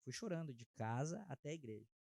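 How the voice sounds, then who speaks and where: A man, sharing his personal testimony as an interview guest in a heartfelt, halting way. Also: mid-range voice, expressive, gravelly, mellow, no room sound. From Brazil. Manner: heartfelt, halting, frequent filler tags.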